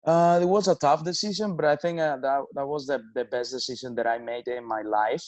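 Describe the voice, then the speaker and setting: A man, a baseball manager answering interview questions in halting speech, with many restarts and fillers. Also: mid-range voice, darkish tone, no echo, dull audio. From Venezuela. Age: 30s.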